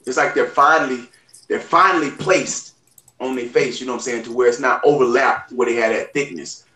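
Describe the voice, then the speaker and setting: A man chats on a live stream, loud, profane and full of jokes. His voice carries a roomy echo. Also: medium pitch, brisk. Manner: loud, profane, joking banter. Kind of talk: casual chat.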